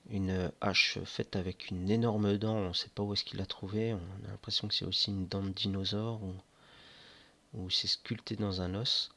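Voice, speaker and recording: A man describing board game miniatures in a slow, hesitant casual commentary full of fillers. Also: fairly low pitch, little pitch movement, sharp tone. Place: indoors at home near board games.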